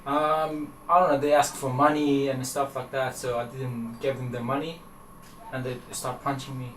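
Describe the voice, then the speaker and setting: A young man from Afghanistan giving interview answers in a halting, hesitant way, pausing on fillers. He is picked up from across a small room, so the sound is roomy and distant, with a faint hiss underneath. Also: mid-range voice, little pitch movement, a bit bright. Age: young adult. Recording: echoey room, from far off.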